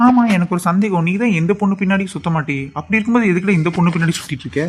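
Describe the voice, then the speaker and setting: A man's voice: high voice, rapid-fire, a little hiss or hum, natural voice. A man voicing a frank young doctor in a cartoon drama, lecturing his friend plainly.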